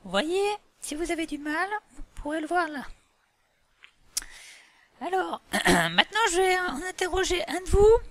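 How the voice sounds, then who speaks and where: A woman voicing a patient, slightly muddled female animal schoolteacher in a toy play, slow and didactic with many fillers. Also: extremely high pitch, very animated, no echo, full character voice. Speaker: teacher. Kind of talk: toy role-play lesson.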